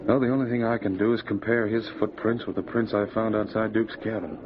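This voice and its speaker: A man playing a serious, steady Mountie sergeant, measured and authoritative, in a vintage radio adventure. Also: lowish voice, close to an everyday voice. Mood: grim. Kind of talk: old-time radio adventure acting. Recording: noisy, narrow old radio recording.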